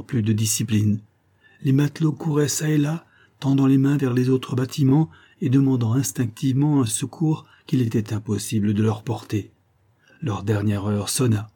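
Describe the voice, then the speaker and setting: A man reading a classic novel aloud as scripted narration in a steady, dramatic manner. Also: medium pitch, slightly rough. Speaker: audiobook reader.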